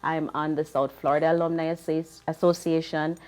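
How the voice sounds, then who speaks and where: Low-voiced Jamaican woman. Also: little pitch movement, a little fast, a little mellow. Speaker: panelist. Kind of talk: casual panel talk.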